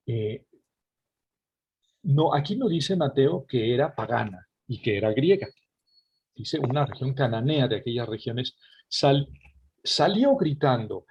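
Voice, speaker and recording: A man's voice: medium pitch, darkish tone, a little hiss or hum. A man lecturing on a scripture passage in an online class over a video call, explaining as he goes and turning to his listeners with asides. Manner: engaging, often addresses listeners with asides.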